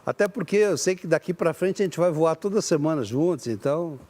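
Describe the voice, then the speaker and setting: A man's voice: fairly high pitch, lively intonation, fairly quick, a little mellow. A man with a Brazilian Portuguese accent hosting a talk show with jokey, theatrical banter.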